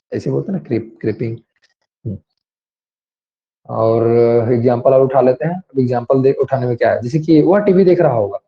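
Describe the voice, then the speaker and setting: A man teaching grammar in an online class, explaining slowly and asking students to raise their hands. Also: mid-range voice, gravelly. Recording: dull lo-fi sound.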